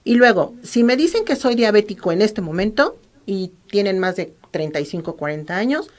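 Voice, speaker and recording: A woman doctor with a Mexican accent, calmly explaining practical medical advice as an interview guest. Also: medium pitch, normal speed. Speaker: ophthalmologist guest.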